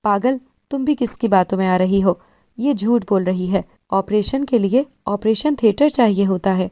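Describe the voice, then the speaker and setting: This is a bold, hot-tempered teenage girl from a storybook, quick with threats and sharp words, as a woman narrator plays her. Her tone stays soft and mellow, with no room around it. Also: medium pitch, no room sound, studio quality, lightly acted. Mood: scornful. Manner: sharp and scolding.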